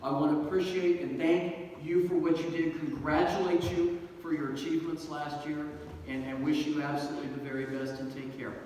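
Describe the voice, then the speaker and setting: A man's voice: fairly high pitch, level tone, fairly quick, darkish tone, slight background noise. A man giving an earnest banquet speech with folksy humor as a guest speaker from a law-enforcement agency. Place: banquet hall. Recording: echoey hall from a distance.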